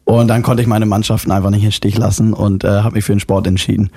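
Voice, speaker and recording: A young man from Hamburg is chatting as a guest on the radio. He talks fast and relaxed, and his tone is warm and mellow. He fills gaps with casual little "uh"s. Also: on the low side, gravelly, breathy edge. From Hamburg, Germany. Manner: relaxed, talkative, many fillers. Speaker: DJ and music producer, guest. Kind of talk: radio interview.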